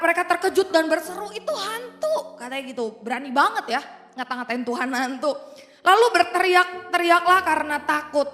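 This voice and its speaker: A very high-pitched woman preaches to youth online from a big church hall, keeping things lively and playful and sprinkling in English phrases. Her words echo through the space over soft background music.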